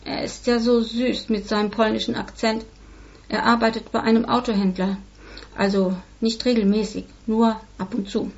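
A woman's voice: a little high, level tone, moderate pace, gravelly, a little mellow. Whiny defiant teen girl, a woman puts her on, storybook, a bit muffled. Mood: confiding. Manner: whiny pleading. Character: sulky defiant thirteen-year-old girl.

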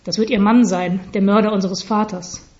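A woman's voice: mid-range voice, fairly even intonation, moderate pace, darkish tone, lightly acted. A woman voicing a cheeky, sulky younger brother in a story, with a snappy, hissing way of talking. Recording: slightly dull recording.

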